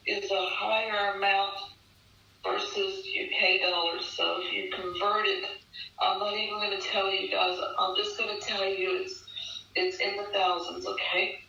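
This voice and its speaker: Recounting a personal experience as a guest in conversation, a woman speaks in a mid-range, gravelly voice that is pushed and bright yet flat in delivery, at a measured pace. She is earnest and emphatic, repeating phrases for stress, and the online call comes through echoey, distant, and dull with faint noise.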